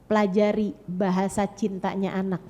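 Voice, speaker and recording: A woman's voice: mid-range voice, level tone, moderate pace, warm tone, dull audio. A woman preacher giving a sermon in an informal, conversational way, speaking directly to mothers and repeating key phrases for emphasis. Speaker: Islamic preacher. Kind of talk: sermon to an audience.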